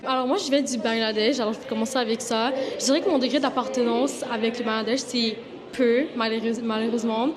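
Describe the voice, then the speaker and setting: Young woman, brisk, high voice, echoing hall, crowd. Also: fairly even intonation. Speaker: interviewed student. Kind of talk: casual interview.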